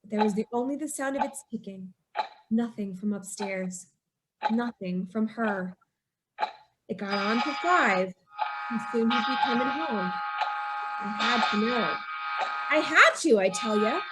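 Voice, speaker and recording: In an old-time radio horror drama, an actress plays a distraught wife, speaking slowly in a high voice with lively intonation over heavy background noise. She sounds secretive and haunted, repeating words for dramatic weight as if making a haunted confession. The mood is one of hushed dread, and her delivery is dramatic and emphatic.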